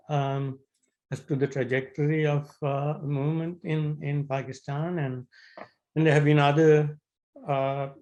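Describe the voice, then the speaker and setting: A man's voice: on the high side, a little mellow, low-quality recording. A man from Sri Lanka speaking as a discussant on an academic panel, thinking aloud with many fillers and restarts over a video call.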